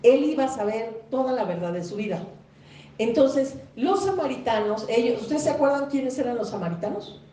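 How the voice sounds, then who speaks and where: A woman's voice: high voice, lively intonation, moderate pace, mellow. A woman pastor preaching a sermon, chatting with the congregation, questioning them and acting out the people she quotes. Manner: conversational preaching, quizzes the congregation, acts out quoted speakers. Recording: echoey church hall, mic far off.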